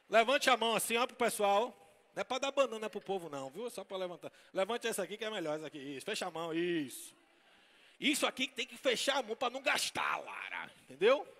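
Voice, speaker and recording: A man's voice: high voice, sharp tone. A man with a Bahian accent performing as a clown magician in a live stage comedy act, teasing the crowd with playful banter. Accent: Bahian Portuguese. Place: shopping mall event stage. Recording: long echoey hall reverb.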